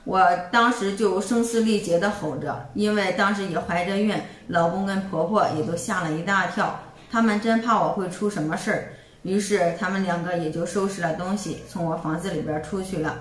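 A woman's voice: fairly low pitch, brisk, echoey room, recorded from a distance, a little hiss or hum. A young woman narrating her own story in the first person, in a plain, conversational way.

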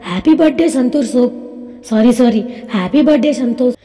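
A woman's voice: fairly high pitch, brisk, soft background music, close to an everyday voice. A woman voicing a feisty, playful young woman who teases and bosses her friend. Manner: teasing, bossy, lively. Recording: echoey room with long reverb.

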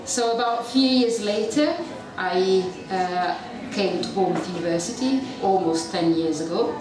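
Speaking at a moderate pace in a medium pitch, this middle-aged woman from Italy delivers a public lecture with a strong Italian accent, chatty and poking fun at herself. She's a university researcher holding a handheld mic, captured far away by the camera. The dark event space echoes, and a crowd can be heard.

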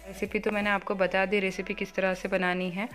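Fast-talking chatty woman home vlogger. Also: mid-range voice, flat delivery, a bit bright. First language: Marathi. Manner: fast, chatty, many fillers. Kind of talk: casual home vlog, cooking and chores.

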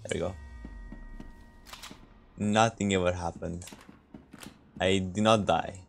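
A man's voice: sits low, steady tone, takes it slowly, gravelly. A young man from Romania streaming a game, chatting casually with viewers in a laid-back, joking way with frequent laughs. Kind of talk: casual gameplay chat with viewers.

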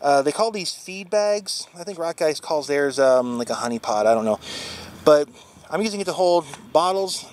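A slightly high-voiced man in his forties rambles through a casual one-take gear walkthrough, full of fillers and restarts. He's outdoors at a trailhead parking area, talking into a handheld camera held at arm's length, with faint traffic noise behind him. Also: darkish tone. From Wisconsin, USA. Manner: rambling, many fillers and self-corrections. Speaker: bike touring vlogger. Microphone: handheld action camera at arm's length.

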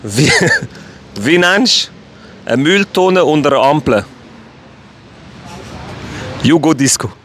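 Man, street comedy host, cheeky, lively pitch, outdoors in a city. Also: slow pace, pauses often, slight background noise. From Switzerland. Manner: cheeky, laughs at own jokes.

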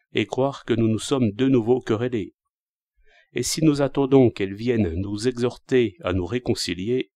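A man's voice: mid-range voice, mellow, no room sound, clean studio sound, natural voice. Man voicing an imploring young man. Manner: earnest, imploring. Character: young man, pleading, remorseful cousin.

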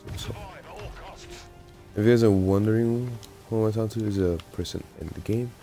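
A man's voice: fairly low pitch, steady tone, quick pace, mellow, soft background music. A young man casually talking over his online shooter gameplay, rambling and laughing often as he plays. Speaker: gaming YouTuber.

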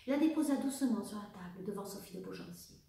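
A woman's voice: medium pitch, fast, gravelly. Woman reading a novel in an echoey room. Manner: even reading with occasional slips and restarts. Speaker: narrator. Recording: echoey room, voice far from the mic.

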